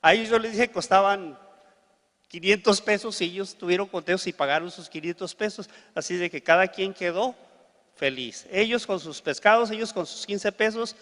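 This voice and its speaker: A man's voice: high voice, moderate pace, long reverb tail. A man preaching a sermon, telling a story and acting out each person's lines. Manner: animated storyteller acting out dialogue.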